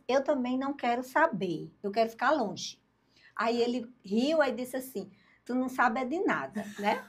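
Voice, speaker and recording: Older woman. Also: high-pitched. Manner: lively storyteller, acts out dialogue, laughs at herself. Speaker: guest. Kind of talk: storytelling in a podcast interview.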